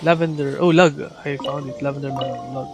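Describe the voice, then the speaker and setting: A man with a Filipino accent, whose first language is Tagalog, chats casually and comments as a game streamer, reading game dialogue aloud and mixing two languages. His mid-range voice is steady in tone and brisk. Game music plays behind him.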